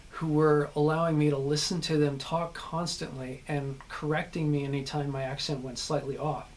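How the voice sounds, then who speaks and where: A man's voice: a little high, a little hiss or hum. A man, an actor, giving an earnest instructional talk on building a character, repeating points as he explains.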